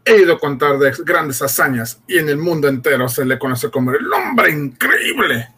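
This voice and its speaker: A male actor playing an authoritative army general with a husky, commanding delivery in an old radio drama. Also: on the high side, big pitch swings, normal speed, pushed and bright, exaggerated voice. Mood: pondering.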